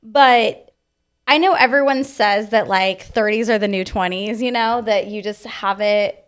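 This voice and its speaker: A woman's voice: medium pitch, a little slow, smooth. A thirty-year-old woman in casual, upbeat podcast chat as a co-host.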